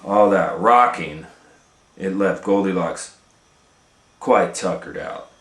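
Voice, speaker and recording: In a deep, slightly bright voice and at a slow pace, a man reads a children's story aloud like an educator. He poses rhetorical questions and explains the pictures to his young audience in an animated storytime style.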